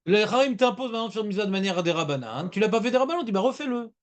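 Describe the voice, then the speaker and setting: Guy teaching talmud class, high voice that swings all over, really emphatic. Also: racing. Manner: animated, emphatic, repeats points. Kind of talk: lively Talmud class discussion.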